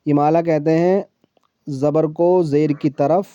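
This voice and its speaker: Patient teacher drawing out syllables, dull lo-fi sound. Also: male voice, on the high side, fairly even intonation, dark tone, smooth, no echo. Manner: patient, repeats and drawls syllables slowly to model pronunciation. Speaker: Quran reading teacher. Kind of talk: one-on-one recitation lesson.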